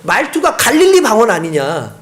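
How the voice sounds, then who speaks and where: A pastor voicing a male bystander who slowly and pointedly accuses someone. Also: high-pitched, wildly swooping pitch, fairly bright tone, echoey room, voice pushed up, exaggerated voice. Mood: accusing.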